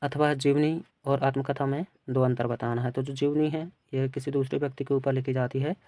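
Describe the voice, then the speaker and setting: Flat, dark-voiced male teacher. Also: medium pitch, a little fast, no room sound. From India. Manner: reads each question then answers it plainly. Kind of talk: exam answer walkthrough.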